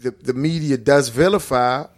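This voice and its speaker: A man in casual chat who explains things in a measured, steady way. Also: mid-range voice.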